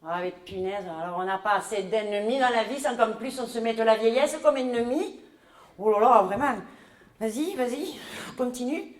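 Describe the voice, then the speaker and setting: In a live comedy sketch, a woman plays a chatty, scheming middle-aged mother from the south of France, a newcomer who rambles indignantly in a southern French accent. Her voice is a little high and close to everyday speech at normal speed, with the roomy sound of a large, echoey hall.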